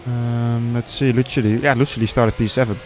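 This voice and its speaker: A man giving live motorsport commentary on sim racing, conversational and hesitant between bursts of excited calls. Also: medium pitch, fairly quick, slight background noise, rough recording.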